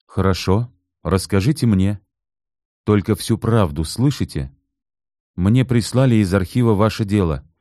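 Narrator doing a strict ex cop, firm, kinda threatening, darkish tone. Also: male voice, fairly low pitch, a little slow, long pauses, mellow, no room sound, studio quality, voice pushed up, lightly acted. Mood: stern. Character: stern former police officer, middle-aged man.

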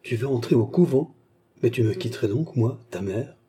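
A man's voice: mid-range voice, expressive, moderate pace, mellow, close to an everyday voice. A man voicing an anxious devoted mother. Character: anxious middle-aged mother, devoted and pleading.

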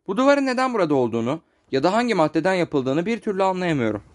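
A man's voice: sits high, sing-song, fast. A man voicing a clumsy, puzzled scarecrow in a storybook reading. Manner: puzzled, exclaiming.

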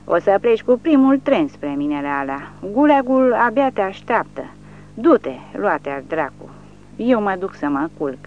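Reader putting on a drunk loudmouth soviet official guy, keeps yelling and ranting, audiobook kinda muffled w faint hum. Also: high voice, sing-song, pitched above the performer's own voice. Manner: ranting, shouting insults. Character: drunk bullying male Soviet village official.

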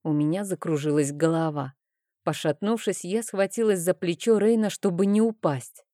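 A woman reads a first-person fantasy novel in a lowish, mellow voice. She is expressive and lifts her voice for the heroine's lines. The recording is dry and close. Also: normal speed, dry recording. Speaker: audiobook narrator.

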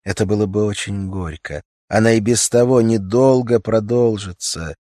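Мужчина читает вслух и озвучивает молодую светскую женщину, которая горячо и с мольбой просит о сочувствии. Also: male voice, moderate pace, warm tone, no room sound, studio quality, lightly acted. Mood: pleading. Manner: raised pitch, emotional pleading. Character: pleading young society woman.

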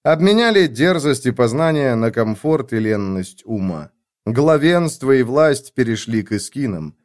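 A man reading a first-person story aloud in measured, dramatic storytelling narration. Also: medium pitch, animated, a little mellow. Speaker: audiobook narrator.

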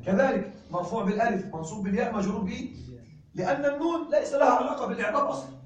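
A man teaching grammar in a classroom lecture, slowing down to stress examples and often asking if students follow. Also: extremely high pitch, sing-song. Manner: slow emphatic dictation of examples, checking understanding. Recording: echoey room recorded from a distance.

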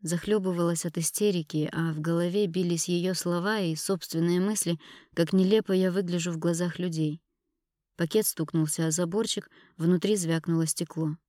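A woman narrates a first-person audiobook in a measured, intimate way. Her voice sits on the low side for a woman. The recording is dry, with no room sound. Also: fairly even intonation, warm tone, no echo.

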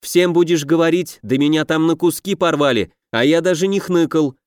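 A man's voice: on the high side, normal speed, clean tone, dry recording, clean studio sound, close to an everyday voice. A man reading an audiobook voices a playful young witch who teases and coaxes. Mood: taunting. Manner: teasing, coaxing, cooing.

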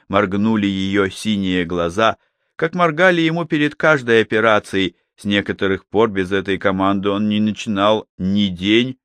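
A man reading a novel aloud as an audiobook narrator, in a measured, even manner on a close studio mic. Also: fairly low pitch, no echo. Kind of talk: scripted narration.

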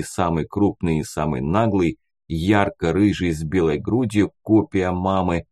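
A man narrating a first-person audiobook in steady, expressive storytelling. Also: lowish voice. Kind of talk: audiobook narration of a fantasy novel.

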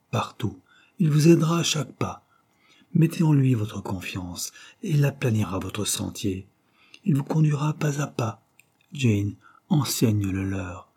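A man voicing a devout dying father in an audiobook, weak and breathless, speaking in halting, solemn phrases that sometimes drop to a whisper. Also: medium pitch, mellow, slightly rough. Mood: tender.

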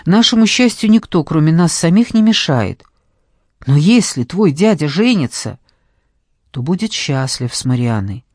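A woman voicing a calm, mildly ironic young fiancé, speaking low, measured and soothing. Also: no room sound, studio quality.

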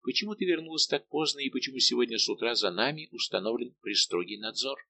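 A man reading the part of a shy, gentle young maid of honour at a royal court, speaking softly and pleadingly. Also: medium pitch, lively intonation, quick pace, creaky. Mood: puzzled.

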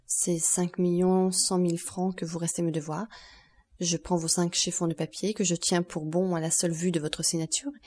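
A woman reading an audiobook, voicing a calm, ironic, self-assured male count who speaks in a measured way. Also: fairly low pitch, natural voice. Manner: calm, measured and dryly impertinent.

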